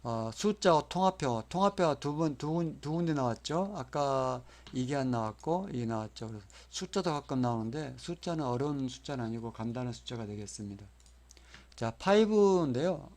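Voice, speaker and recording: A man gives a recorded exam lecture in an explanatory tone. He repeats each key term for memorizing and spells English phrases out slowly. His voice sits at a middle pitch. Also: lively intonation, darkish tone.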